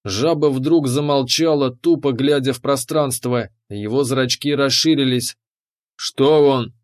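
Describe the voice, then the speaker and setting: Man, mid-pitched voice, first-person scripted narration, audiobook reader. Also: a little slow.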